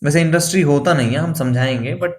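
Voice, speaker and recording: A man's voice: fairly high pitch, fairly quick. A young man teaching an exam-prep lecture in a casual explaining manner, mixing in English terms and often checking that students follow.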